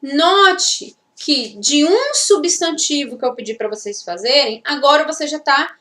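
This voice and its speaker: A woman's voice: high-pitched, expressive, a little slow, pushed and bright, recorded from a distance. A woman English teacher from Brazil giving a step-by-step grammar lesson, often stopping to check that listeners follow. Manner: explains step by step, with frequent checking tags. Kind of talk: classroom-style grammar lesson. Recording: echoey room, voice from off the mic.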